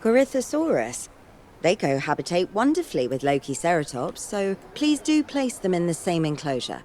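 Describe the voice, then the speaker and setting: An actress playing a composed, exacting park scientist in a video game, formal and precise. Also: female voice, fairly low pitch, sing-song, normal speed, a little mellow, slight background noise. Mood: instructive. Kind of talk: video game character dialogue.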